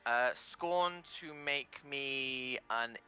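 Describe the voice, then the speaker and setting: A man working as game master, narrating a tabletop fantasy game with dramatic pauses. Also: medium pitch, bright, forceful tone, clear, resonant tone, soft background music.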